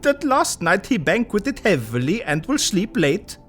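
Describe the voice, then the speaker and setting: An actor playing an older professor in an audio drama, earnest and commanding, speaking deliberately in quaint foreign phrasing. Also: male voice, high-pitched, big pitch swings, a bit bright, faint music behind, full character voice. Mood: wry, insistent.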